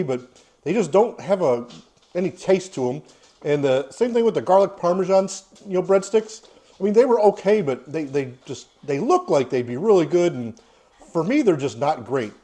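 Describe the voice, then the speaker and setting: A man's voice: a little high, mellow. A man in his forties giving a casual, plain-spoken food review with his child. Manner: easygoing, plain-spoken, opinionated.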